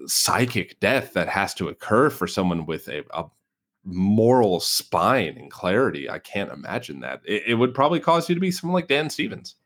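Low-voiced rambling man, West Coast American accent. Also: a bit bright. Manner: rambling, many fillers and restarts. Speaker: podcast co-host. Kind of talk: casual film discussion.

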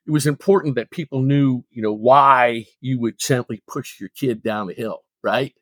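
A man's voice: medium pitch, dry recording. A middle-aged man, a coach and mentor, speaking earnestly in an interview, stressing points with repetition. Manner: earnest, emphatic, repeating for weight. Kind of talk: interview storytelling.

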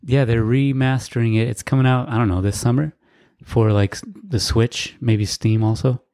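A man's voice: mid-range voice, steady tone, normal speed, warm tone. A man co-hosting a casual podcast, talking in a laid-back, dry, rambling way with fillers. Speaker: podcast co-host. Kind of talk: casual chat.

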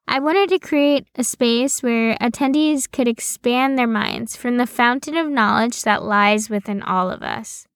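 Female podcast host, slow measured personal narration, slightly high voice, dry close sound. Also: no room sound. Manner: slow, deliberate storytelling.

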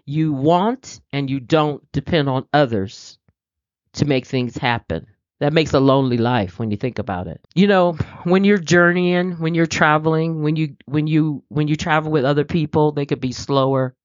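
Host of a faith podcast, lively and quick to laugh, acting out little scenes; dull, dry sound. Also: mid-range voice, no room sound. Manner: animated, laughs often, acts out quoted voices. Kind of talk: inspirational talk on faith and everyday life.

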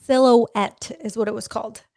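Young woman, high voice, animated storyteller who does voices. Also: normal speed, vocal fry. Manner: animated, laughing, acts out quoted people. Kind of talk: casual storytelling chat.

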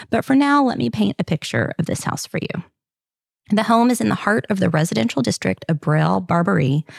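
Southern-accented woman podcast host, chatty and upbeat, low gravelly voice. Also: no room sound, clean studio sound. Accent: Southern US, Kentucky. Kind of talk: casual scripted narration.

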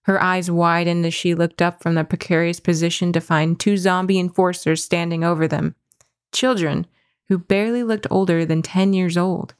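A woman reading a dream story aloud in a measured, reflective way, then musing on what it means. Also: on the low side, fairly even intonation, no room sound, studio quality.

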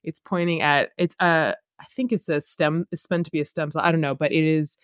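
A woman's voice: low-pitched, fairly even intonation, a little fast, no room sound, clean studio sound. A woman co-hosting a casual podcast chat, laughing often as she talks. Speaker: podcast co-host.

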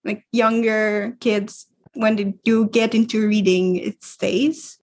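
Husky woman. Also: mid-range voice, fairly even intonation, slow pace. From Quebec. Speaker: guest illustrator. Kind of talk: casual interview.

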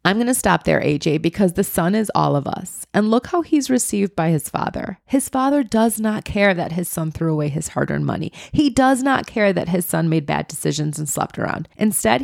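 A woman co-hosting a casual faith podcast, retelling a parable with lively, playful character voices. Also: on the low side, moderate pace, gravelly, hardly any pauses, no room sound, clean studio sound. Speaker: podcast co-host.

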